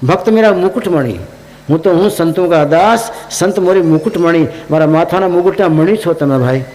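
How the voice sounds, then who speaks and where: Anguished deity calling for his devotee , put on by a male preacher; high, pleading cries, long reverb. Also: moderate pace, a little mellow, natural voice. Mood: tender. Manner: crying out, pleading.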